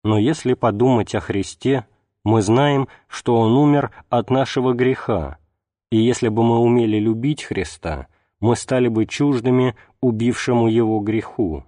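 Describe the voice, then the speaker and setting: A man reading a religious text aloud as an audiobook narrator, in a measured, unhurried way. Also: mid-range voice, warm tone, no echo, studio quality. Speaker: audiobook reader.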